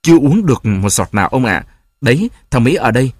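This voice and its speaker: A man's voice: mid-range voice, big pitch swings, a little fast, breathy edge, no echo, studio quality. A man voicing a desperate grieving peasant mother who wails and pleads. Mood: pleading. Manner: wailing, pleading.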